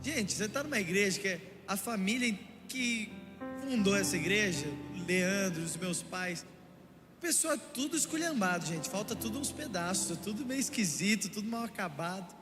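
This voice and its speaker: A young man from Brazil preaching a sermon, telling stories in an animated way and joking with his congregation. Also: high voice, normal speed. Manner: animated storytelling, playful asides to the congregation. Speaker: pastor. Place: church auditorium. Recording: echoey church hall with music. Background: music underneath.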